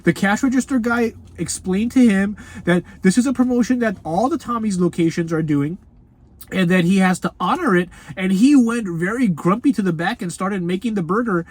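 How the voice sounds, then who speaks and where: A food review host in Los Angeles speaks briskly in a mid-range voice with a breathy edge, recorded dry. Unscripted and folksy, the host chats away, laughs between remarks, refers to self in the third person, and addresses viewers as grandchildren.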